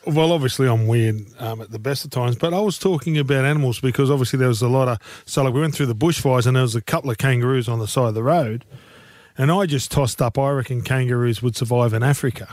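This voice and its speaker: An Australian-accented man tells casual anecdotes on a sports panel. He is a joking, slangy larrikin with a medium-pitched voice, captured close and dry. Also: fast talker, a little mellow, no room sound.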